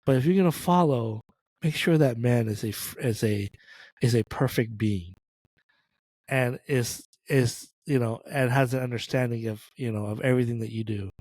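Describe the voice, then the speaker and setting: A man's voice: mid-range voice, moderate pace, darkish tone, dry recording. A man from Thailand co-hosting a casual faith podcast, talking in an emphatic, joking way. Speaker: podcast co-host.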